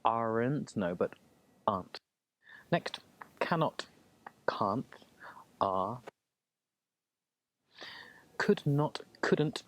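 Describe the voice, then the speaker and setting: A man teaching English from a textbook, calmly explaining and repeating words so learners can practice pronunciation. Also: medium pitch, drawn-out words, pauses often.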